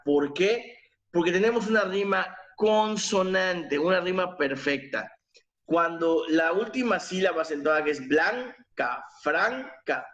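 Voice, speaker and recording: A man teaching an online literature class, explaining slowly and patiently, with fillers and self-corrections. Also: fairly high pitch, a bit bright. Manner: slow, explanatory, counting syllables aloud with fillers and self-corrections. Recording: echoey room.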